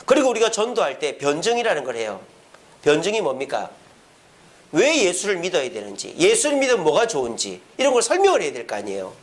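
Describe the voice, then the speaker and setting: At a church prayer service, a pastor preaches a sermon in a slightly high voice at a fast clip. He puts questions to the congregation and answers them himself, bringing any quoted speech to life with vivid voices.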